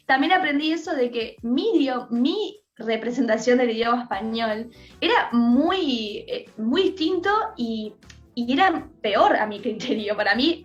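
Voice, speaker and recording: A woman's voice: on the high side, fairly bright tone, lo-fi sound. A woman from Uruguay with a Rioplatense accent, a radio guest talking in a chatty way with many restarts. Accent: Rioplatense Spanish. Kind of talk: conversational radio interview.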